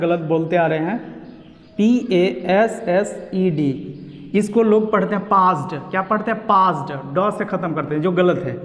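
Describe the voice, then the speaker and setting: High-voiced man teaching pronunciation. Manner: repeats each word slowly, spells letters out. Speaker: English teacher. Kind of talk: classroom pronunciation lesson. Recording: echoey room with long reverb.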